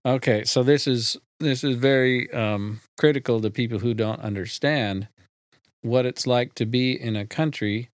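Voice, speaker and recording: A man hosting a podcast, introducing the show and asking a guest measured questions. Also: medium pitch, dry recording. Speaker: podcast host and interviewer. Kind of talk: podcast interview.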